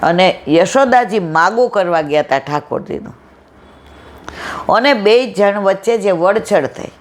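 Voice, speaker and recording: A woman's voice: mid-range voice, lively intonation, measured pace, slight background noise. Woman giving a devotional talk. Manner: conversational, acts out quoted dialogue. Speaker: satsang speaker. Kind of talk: devotional discourse with storytelling.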